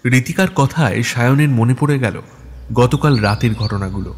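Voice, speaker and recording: A man narrating an audio story in a steady, measured reading style. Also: mid-range voice, a little hiss or hum.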